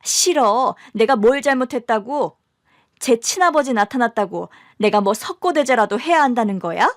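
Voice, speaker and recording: A woman's voice: a little high, expressive, normal speed, no room sound, studio quality. A woman voicing a haughty, wealthy middle-aged mother-in-law who talks down to others, in a radio drama. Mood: indignant.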